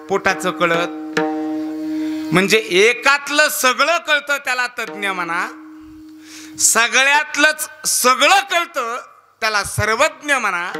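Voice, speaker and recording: High-voiced Marathi kirtan preacher, lively. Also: male voice. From Maharashtra, India. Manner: animated, jumps to high pitch for quoted characters. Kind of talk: humorous devotional sermon with storytelling.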